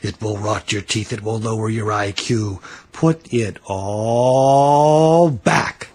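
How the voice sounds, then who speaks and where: A man playing an exasperated father in a children's story, scolding his small daughter with drawn-out, emphatic words. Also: on the low side, darkish tone, breathy edge. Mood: stern scolding.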